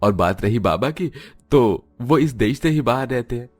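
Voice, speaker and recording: A man's voice: medium pitch, expressive, normal speed, natural voice. A man voicing a protective young husband in a cartoon story, reassuring and firm.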